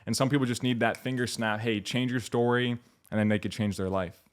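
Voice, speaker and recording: A man's voice: medium pitch, steady tone, brisk, clean tone. An American man speaking as a coach and podcast guest, giving earnest, conversational motivational talk and acting out little quotes. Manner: earnest, illustrates points with imagined quotes.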